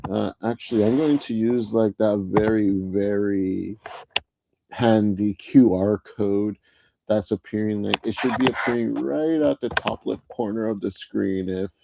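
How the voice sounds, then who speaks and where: A man's voice: fairly low pitch, steady tone, a little slow, vocal fry. A man with a slightly wheezy voice, recovering from bronchitis, rambles and corrects himself as he chats casually as a livestream host on an old headset. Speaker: livestream host, comic artist. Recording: dull headset audio with noise.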